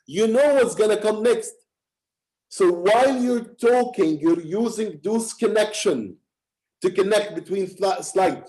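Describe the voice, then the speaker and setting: A young man teaching presentation skills in an animated, emphatic way, often repeating words as he explains. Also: high voice, a little slow.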